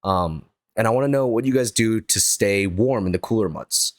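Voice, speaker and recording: A man with a very low voice hosts a golf podcast. He chats casually and upbeat, with plenty of fillers. The sound is dry and close. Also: normal speed, dry recording. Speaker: podcast host.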